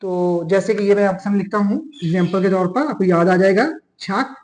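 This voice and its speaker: A man with a Pakistani accent giving a classroom lesson as a language teacher, talking slowly and deliberately and spelling out syllables one by one. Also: high voice, a little mellow, rough recording.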